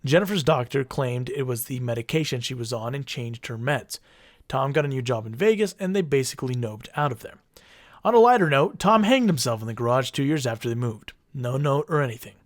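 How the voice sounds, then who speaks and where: A man's voice: medium pitch, a little fast, no echo. A man co-hosting a podcast, narrating a creepy story with dry jokes. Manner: wry, deadpan jokes. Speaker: podcast co-host. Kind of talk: casual storytelling.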